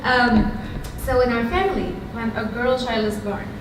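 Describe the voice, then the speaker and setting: A young Indian startup founder gives a storytelling lightning talk to a live audience in an event hall, speaking candidly and conversationally in an Indian accent with frequent ums. Her voice is on the high side, with fairly even intonation and a moderate pace. The recording is noisy and taken from far off in a very echoey hall.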